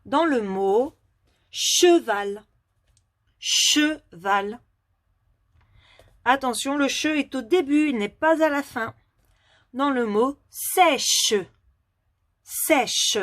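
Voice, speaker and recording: A woman teaching a phonics lesson to young children, asking questions patiently and clearly articulating each word. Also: high-pitched, expressive, slow pace, no room sound.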